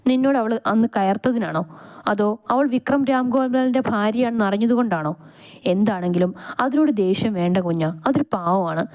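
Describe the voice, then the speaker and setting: A woman's voice: fairly high pitch, a little fast, natural voice. Woman doing a teasing, easygoing older brother. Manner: gently mocking, soothing.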